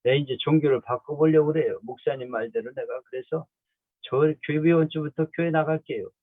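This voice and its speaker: A man's voice: fairly high pitch, a little fast, dry recording, close to an everyday voice. A man putting on the voice of a grateful elderly woman churchgoer, speaking in a pleading, folksy way. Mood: earnest. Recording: tinny phone-like, dry.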